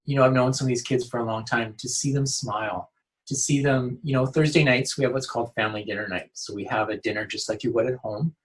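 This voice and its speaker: A youth outreach worker talks fast at medium pitch, earnestly answering questions in a casual interview. He keeps restarting sentences and dropping in "you know," all captured on poor audio.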